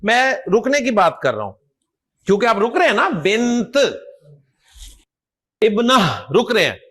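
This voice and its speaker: A man teaching an Arabic grammar class, explaining slowly, demonstrating how to pronounce words and often checking that students follow. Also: high voice, huge pitch swings, fairly bright tone, slightly rough. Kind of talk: online class lecture.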